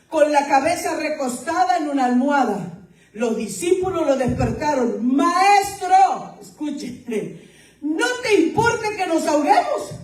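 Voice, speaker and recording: A woman pastor preaches to her congregation in a high, mellow voice. She calls out to the church, builds to emphatic peaks and drops to hushed asides. The sound is roomy, with her voice set a little back from the mic. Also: distant mic. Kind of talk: sermon.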